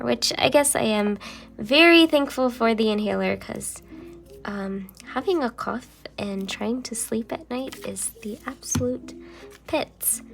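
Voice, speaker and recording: A young woman who vlogs her journaling talks casually as she writes, full of fillers and rambling, at times lowering into a soft half-whisper. Her voice sits on the high side, creaky and still somewhat phlegmy from a cold.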